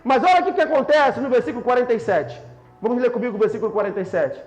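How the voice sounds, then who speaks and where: High-voiced Brazilian preacher. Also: male voice, animated, very fast. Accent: Brazilian Portuguese. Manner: preaching with rising calls and shouted quotes to the congregation. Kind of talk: sermon.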